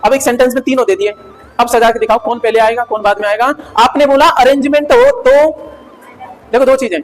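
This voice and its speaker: A male grammar teacher giving an animated classroom lecture, quizzing students with quick questions and jokes. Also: very high voice. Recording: hall reverb.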